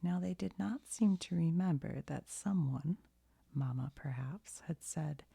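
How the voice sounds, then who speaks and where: Woman, soft ASMR bedtime story reading, very slow, breathy half-whisper, heavy vocal fry, gentle. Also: low-pitched, no echo.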